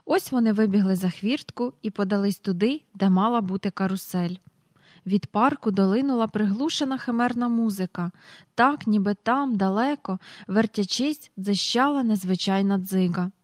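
Woman narrator, calm storybook reading, dry close mic. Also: mid-range voice, moderate pace, no room sound. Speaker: audiobook reader.

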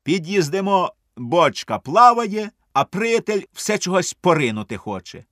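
Lively man reading a comic tale. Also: sits high, a little slow, dry recording, studio quality. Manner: lively, wry comic storytelling. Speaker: storyteller. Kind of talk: reading a humorous story aloud.

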